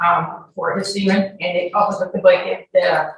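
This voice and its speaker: Answering questions in court, a woman witness sounds defensive and emphatic. Her lowish voice is creaky and brisk with fairly even intonation, captured in echoey, distant audio with a little noise.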